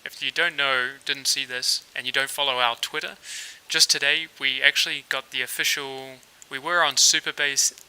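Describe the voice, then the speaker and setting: A New Zealand man with a mid-range voice hosts a laid-back live coding stream, talking through his work at a moderate pace with lots of fillers but few pauses. His tone is clean and relaxed, though the recording quality is low.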